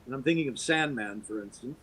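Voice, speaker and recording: A middle-aged man's brisk, sharp, slightly rough voice comes through a low-quality recording as he guests on a podcast. He talks at length, emphatic and opinionated, his pitch swinging widely.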